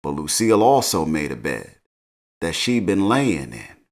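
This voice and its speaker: A man's voice: rumbling low, very animated, a little slow. A middle-aged man recapping a TV episode in a laid-back, slangy storytelling way, chuckling as he goes. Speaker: TV recap host. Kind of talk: casual show recap.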